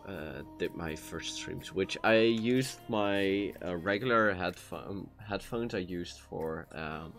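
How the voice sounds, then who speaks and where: A Dutch gaming streamer with a low voice and Dutch accent chats casually while live-streaming a game, speaking slowly with few pauses. He rambles with lots of fillers and restarts, using a cheap USB mic, with soft music in the background.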